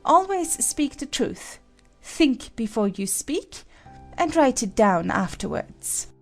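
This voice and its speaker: A stern queen voiced by a woman with a fairly high, swooping voice. She snaps and lectures with haughty impatience. It is dramatized storybook acting over faint music. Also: sing-song, slow, full character voice. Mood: lecturing. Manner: sharp, imperious, lecturing.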